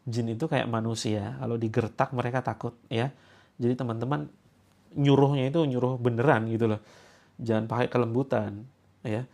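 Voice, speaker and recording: A man from Java, coaching a group through a healing session. He gives instructions, jokes, and breaks into loud commands. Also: medium pitch, little pitch movement, normal speed. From Java, Indonesia.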